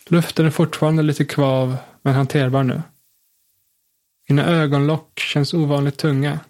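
A man telling a suspenseful first-person story in a calm, measured way. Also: on the high side.

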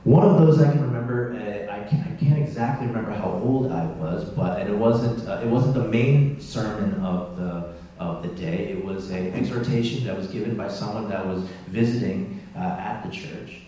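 Guy preaching in a church, mellow voice, super echoey, mic kinda far off w/ a hum. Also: fairly low pitch, moderate pace. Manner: conversational, self-deprecating, with restarts. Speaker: pastor. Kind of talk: sermon. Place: church sanctuary.

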